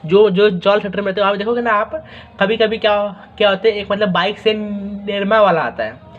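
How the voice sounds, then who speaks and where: A man's voice: high voice, normal speed. A young man from Maharashtra teaching accounting in a casual, joking lecture, calling his students "bhai". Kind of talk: informal recorded lecture. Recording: slightly dull recording with faint noise.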